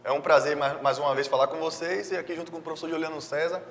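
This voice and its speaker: A man, a teacher, giving an upbeat sales pitch for his course. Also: fairly even intonation, quick pace, a bit bright, echoey room, in a large hall, a little hiss or hum.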